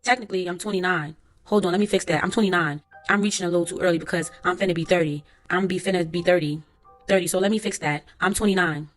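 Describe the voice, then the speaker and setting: A woman reading aloud a court transcript as the words of a young male witness, in a plain, unhurried voice full of street slang, with faint music behind her. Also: lowish voice, fairly even intonation, close to an everyday voice.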